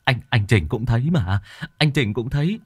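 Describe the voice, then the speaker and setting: A man's voice: medium pitch, lively intonation, moderate pace, breathy edge, no echo. A man voicing a frightened, stammering young man who whines as he pleads. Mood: pleading.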